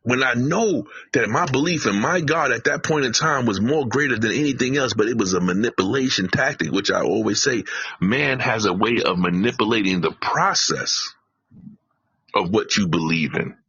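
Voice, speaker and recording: A man's voice: mid-range voice, normal speed, bright, forceful tone, breathy edge, dry recording, dull audio. A man hosting a live stream, preaching emphatically, repeating his phrases and swearing. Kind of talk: casual live-stream commentary.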